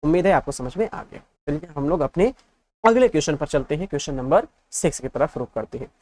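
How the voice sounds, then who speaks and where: A man's voice: fairly high pitch, lively intonation, a little fast, darkish tone. A male teacher giving an exam-prep lesson, patiently drilling letters in repeated lists and asking the class check questions.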